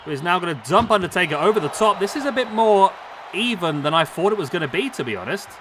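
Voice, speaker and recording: Over clear background noise, a gaming YouTuber with a hoarse, slightly high voice calls a simulated wrestling match blow by blow at a quick pace. He's excitable, firing off exclamations even as his voice gives out. The recording is noisy.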